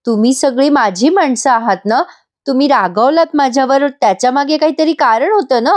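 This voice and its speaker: A woman voicing a gentle, loving young bride in a voice-over episode recap, speaking softly and affectionately. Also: high voice, moderate pace, close to an everyday voice. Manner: soft, affectionate, pleading. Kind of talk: voice-over recap reading a character's lines.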